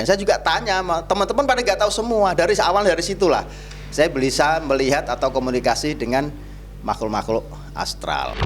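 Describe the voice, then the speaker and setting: Guy telling a story, mid-pitched, lively, soft music under. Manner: animated storytelling, acting out dialogue. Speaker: guest storyteller, spiritual healer. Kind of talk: casual storytelling.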